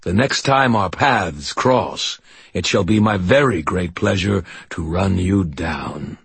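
Man doing a menacing ancient hunter-king, raised and strange-sounding, husky edge, dry close sound. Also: low-pitched, lively intonation, no echo, full character voice. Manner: haughty, slow and threatening.

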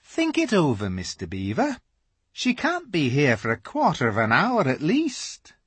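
A reader doing a brisk, motherly beaver wife. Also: medium pitch, huge pitch swings, slightly rough, no echo, pitched above the performer's own voice, heavily acted. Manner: practical, unflappable. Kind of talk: audiobook character voice.

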